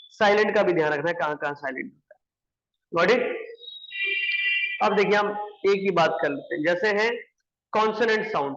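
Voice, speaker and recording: A man's voice: high-pitched, fairly bright tone, dull audio. A man teaching English grammar, explaining step by step and answering his own questions. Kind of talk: classroom explanation.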